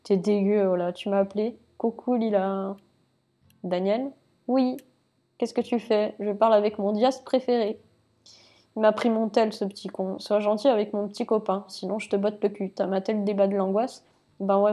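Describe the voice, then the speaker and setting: Flat-voiced woman playing a game. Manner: reads chat messages in a flat, low-key voice, with small slips and restarts. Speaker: let's play host. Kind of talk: casual let's play commentary, reading game texts aloud. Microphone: lapel mic.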